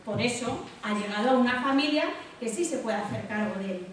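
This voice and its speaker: Her voice is on the high side and brisk as she chats conversationally to an audience as a guest speaker, with an accent from Spain. It sounds like a reverberant indoor hall captured from a distance, with noise behind her.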